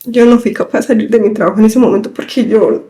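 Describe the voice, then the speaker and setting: A woman, softly recounting a painful memory in an interview, halting as she goes. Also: fairly high pitch, steady tone. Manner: halting, soft-spoken recounting. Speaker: victim's daughter. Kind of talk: interview testimony. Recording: roomy echoing room.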